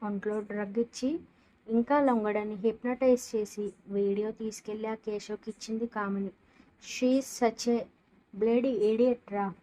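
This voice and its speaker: A woman's voice: fairly high pitch, steady tone, unhurried, mellow, close to an everyday voice, rough recording. A woman voicing a concerned older brother who earnestly explains and comforts.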